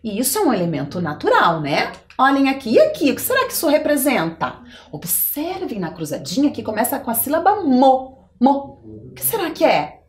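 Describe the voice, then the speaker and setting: A schoolteacher with a Brazilian Portuguese accent gives a televised lesson to young children, encouraging them and drawing out her words. Her voice is high-pitched with huge pitch swings, at a moderate pace.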